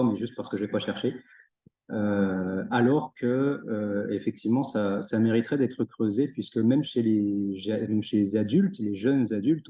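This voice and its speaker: A young man, his voice low and mellow, works through his answers at a thesis defense. He hesitates a lot, restarting phrases and filling gaps with "euh" as he thinks aloud. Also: poor audio. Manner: hesitant, many fillers and restarts. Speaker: PhD candidate defending thesis. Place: university room in a Zoom recording.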